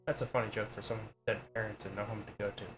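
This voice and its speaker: A man's voice: lowish voice, level tone, very fast, over music, lightly acted. Man doing a sneering boy bully. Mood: taunting. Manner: taunting, sneering. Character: cruel boy bully, village ringleader.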